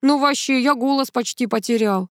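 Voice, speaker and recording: Woman doing a hoarse strangled young man. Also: sits high, normal speed, no room sound, clean studio sound, voice pushed up, natural voice. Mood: croaking. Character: hoarse young man, half strangled, barely able to talk. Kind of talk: audiobook character reading.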